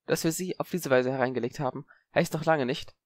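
A man's voice: a little high, a little fast, no echo, pitched above the performer's own voice, natural voice. A smug young schoolboy who is sure of his own cleverness, as a man reads him in an audiobook. The voice is raised and the tone is superior. It sits dry and close. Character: smug, scheming young boy wizard. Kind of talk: audiobook character voice.

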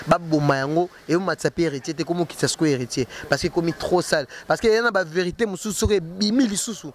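A man with a notably high speaking voice answers interview questions. He talks emphatically, circles back on his own words, and keeps pressing his point in an easy, conversational flow. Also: a little hiss or hum. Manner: emphatic, repeats words and restarts while arguing. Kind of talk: casual street interview.

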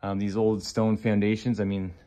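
A man's voice: fairly low pitch, moderate pace. Casual man touring a cramped basement. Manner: relaxed, plain-spoken, thinking aloud with fillers. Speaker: real estate agent. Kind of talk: casual property walk-through. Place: cramped old stone basement. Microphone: phone camera held by the speaker, moving.

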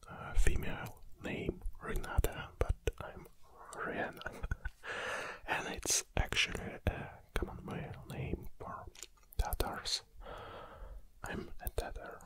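Here an ASMR channel host, a Kazakh man in his forties, keeps to a close, soft, unhurried whisper tinged with a Russian accent and little hesitations. He works in a small home studio, wearing headphones, with a condenser mic mounted on a stand.

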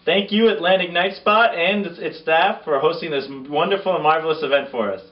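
A man's voice: a little high, fairly quick, lo-fi sound. A man in his twenties from Brazil gives a polite, earnest statement to camera indoors. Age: 20s. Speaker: activist giving a statement. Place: indoors before a curtain.

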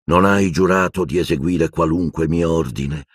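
A man voicing an old male wizard headmaster in an audiobook, speaking slowly and solemnly, wailing and pleading when afraid. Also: deep voice, husky, dry recording, studio quality. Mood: grave, commanding. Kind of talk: audiobook character voice.

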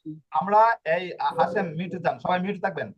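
A man's voice: sits high, fast talker, slightly rough, lo-fi sound. A man teaching a language class online, explaining step by step and asking himself questions as he goes. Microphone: video call.

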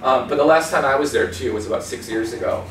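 A man in his forties talks quickly in a mid-range voice, chatty and animated, telling stories over slides while gesturing and mimicking voices and accents. The setting is a small conference room, and the far camera captures roomy sound against a noisy background.

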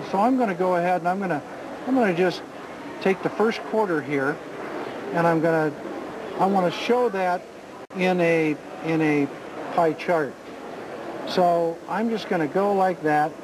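A man's voice: a little high, measured pace, pauses often. A man hosting an infomercial, giving unscripted sales talk in an insistent, repetitive way. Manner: insistent, repeats himself. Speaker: infomercial host and product pitchman. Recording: clearly noisy background ambience.

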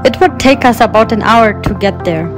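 A woman narrating a travel vlog in a calm, explanatory scripted voice-over. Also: fairly high pitch, moderate pace, over music.

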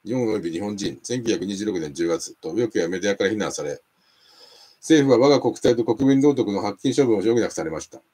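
A man reading a nonfiction history book aloud in a steady, measured way, now and then stumbling and restarting a word. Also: on the low side, breathy edge.

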